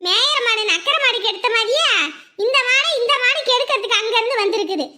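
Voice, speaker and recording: An actress playing a sharp-tongued older mother-in-law in a TV serial, nagging and mocking. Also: extremely high pitch, lively intonation, fast talker, heavily acted. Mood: scolding. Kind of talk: TV serial acting.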